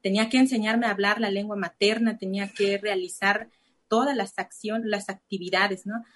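A fairly bright, mid-range female voice speaks Spanish at a moderate, steady pace, with a little hiss or hum in the recording. The speaker, a Cora (Náayeri) native from Nayarit, Mexico, offers personal testimony as an interview guest. She comes across as hesitant, with frequent fillers and restarts.

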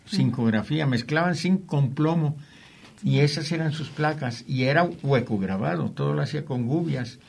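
A man's voice: a little high, moderate pace, vocal fry, a little mellow. An older man with a Mexican accent, a printmaker guest telling rambling stories with chuckling asides. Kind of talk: anecdotal interview talk.

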